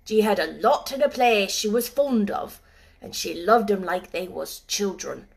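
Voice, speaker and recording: A woman voicing a gruff, grumbling old male gardener with a put-on in an audiobook. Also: mid-range voice, a little slow. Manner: gruff, grunting, clipped old-fashioned speech. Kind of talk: audiobook character voice.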